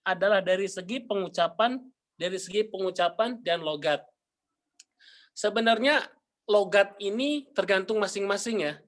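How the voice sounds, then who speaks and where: A young man with an Indonesian accent giving a class presentation, pausing often with fillers and restarts. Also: sits high, fairly bright tone. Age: young adult. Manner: hesitant, many fillers and restarts. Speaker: university student presenter.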